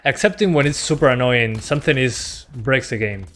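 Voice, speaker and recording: A man's voice: mid-range voice, moderate pace, a bit bright. A man doing casual gameplay commentary as a streamer, chatting with his viewers as he plays. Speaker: game streamer.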